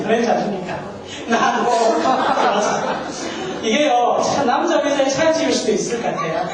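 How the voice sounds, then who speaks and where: A man preaching a humorous sermon as a pastor, joking and leading the congregation in call-and-response. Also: sits high. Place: church sanctuary. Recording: far-off mic, very echoey hall.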